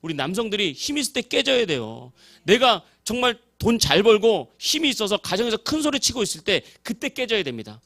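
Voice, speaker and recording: A man's voice: sits high, sing-song, a little fast, hardly any pauses, fairly bright tone. A male pastor preaching in a church, telling a story and acting out the voices of the people in it. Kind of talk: sermon. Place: church sanctuary.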